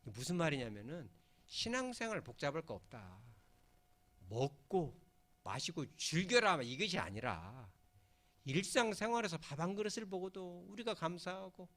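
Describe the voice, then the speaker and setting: A man's voice: a little high, very animated, normal speed, fairly bright tone. A middle-aged man from Korea preaching a sermon as pastor of his church, telling folksy stories, acting out quotes and having the congregation repeat lines after him. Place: church sanctuary.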